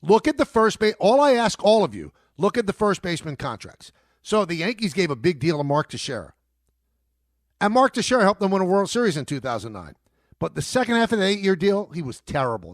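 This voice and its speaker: Casting: middle-aged male sports radio host, high lively voice, emphatic and combative, dry studio sound. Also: a little fast, dry recording. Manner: emphatic, argumentative, repeats points.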